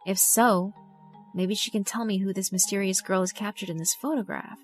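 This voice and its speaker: Over mallet and glockenspiel music, a woman narrates a visual novel in the first person from a script. Her pitch is medium and her tone steady, delivered at normal speed.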